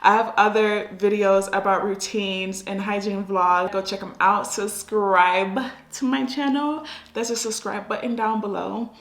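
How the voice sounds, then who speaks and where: A woman's voice: medium pitch, flat delivery, normal speed, hardly any pauses. An American woman giving casual lifestyle advice in a chatty, conversational vlog style. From United States. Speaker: lifestyle vlogger. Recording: echoey room sound.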